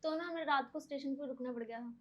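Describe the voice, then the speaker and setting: A young woman, a podcast guest, telling personal stories in a casual, animated way, often using filler words. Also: high-pitched, fast, muffled recording. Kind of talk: casual storytelling.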